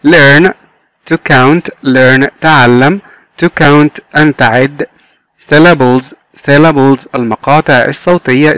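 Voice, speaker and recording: A man with an Egyptian Arabic accent teaching an English lesson to young children, drawing out each English word slowly and clearly. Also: medium pitch, fairly bright tone, dry recording. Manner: slow, drawn-out English words.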